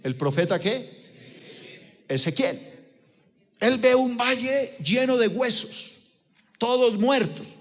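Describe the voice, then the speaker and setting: Male pastor, high voice, emphatic sermon delivery, asks the room questions, big hall reverb. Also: animated, slow, pauses often. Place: church auditorium. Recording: long reverb of a church auditorium.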